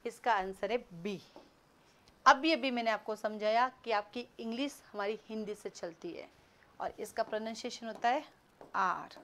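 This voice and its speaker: A woman teaching an online class, quizzing students, brisk and scolding, mixing in English words. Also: on the high side, fairly bright tone. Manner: mixes Hindi with English words.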